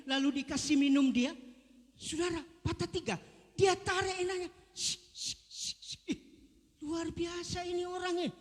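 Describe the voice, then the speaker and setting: A man delivers a sermon in a church with an emphatic, repetitive style. His voice sits very high. The sound trails off in a long church reverb. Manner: emphatic, repeats key words. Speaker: pastor.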